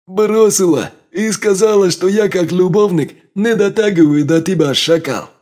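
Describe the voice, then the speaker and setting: A man's voice: high-pitched, normal speed, darkish tone, voice pushed up, close to an everyday voice. A man voicing a frightened, spiteful male traitor with a foreign accent, trembling and whining in an audiobook. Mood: whining bitter. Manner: trembling, whining then lashing out. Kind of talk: audiobook character voice.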